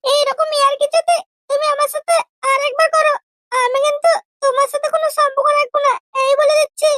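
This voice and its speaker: A voice actor playing a prim, touchy young girlfriend in a comedy cartoon, with a very high, squeaky voice and an indignant way of talking. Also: level tone, pushed and bright, slight background noise. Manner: indignant, quick to take offense.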